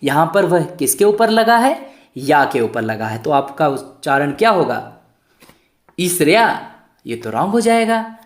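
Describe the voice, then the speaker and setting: A male tutor teaches young pupils in an online lesson, his pitch swinging up and down as he goes. He poses questions to the class and answers them himself, slowly sounding out each word letter by letter. His voice rings in an echoey room. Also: big pitch swings.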